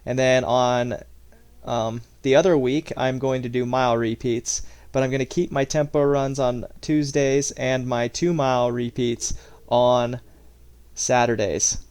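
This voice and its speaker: Male running vlogger, medium pitch, plain and slightly halting delivery, reporting workout numbers. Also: fairly even intonation, darkish tone, smooth. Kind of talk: training recap vlog, reading out workout stats.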